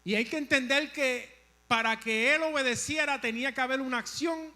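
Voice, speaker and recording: Male co-pastor, high and bright voice, preaching in short bursts for live interpretation. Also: brisk. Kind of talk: sermon.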